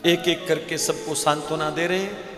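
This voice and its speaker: A man's voice: a little high, fairly even intonation, fairly bright tone. A male devotional preacher telling a sacred story in an emotional, dramatic way. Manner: emotional, slow, dramatic narration. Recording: echoey hall with faint music.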